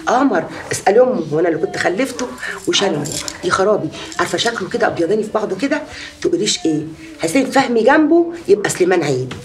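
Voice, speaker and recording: A woman's voice: medium pitch, big pitch swings, racing, recorded from a distance, natural voice. An actress with an Egyptian accent playing a boastful, gossipy mother who tells of her many marriages in a comedy series. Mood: gossiping. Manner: chatty, gossiping, dramatic exclamations. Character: boastful middle-aged mother, gossipy much-married storyteller.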